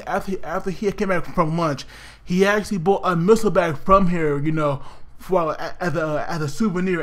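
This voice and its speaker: A man casually reviewing an anime episode, rambling with many fillers and restarts. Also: a little high.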